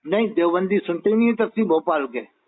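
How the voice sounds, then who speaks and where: A man with a high voice argues hotly and keeps cutting in on the other speaker. His words come through a tinny, narrow phone line. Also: animated, fairly quick. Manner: argumentative, talks over the caller. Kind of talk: heated phone debate.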